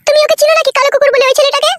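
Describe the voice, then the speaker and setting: A voice actor voicing a timid young village girl in love, speaking high and eager. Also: little pitch movement, racing, fairly bright tone, no echo, studio quality, far from the mic. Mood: anxious.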